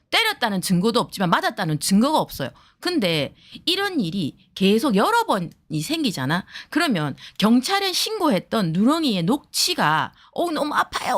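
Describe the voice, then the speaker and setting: A woman talks straight to her viewers in a blunt and heated way, swearing freely. Her voice sits a little high and swings widely up and down, and she slips into the voices of the people she quotes. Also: a bit bright. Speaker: streamer giving advice to viewers. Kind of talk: heated casual talk to viewers.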